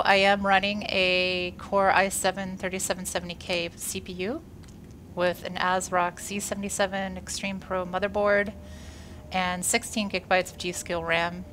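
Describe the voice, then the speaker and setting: A woman with a lowish, slightly bright voice gives chatty, upbeat commentary on a space game as she plays, with a faint hiss or hum behind her. She sounds congested and a bit wheezy after a workout and an illness, and she drops plenty of "uh" fillers. She's a gaming video creator.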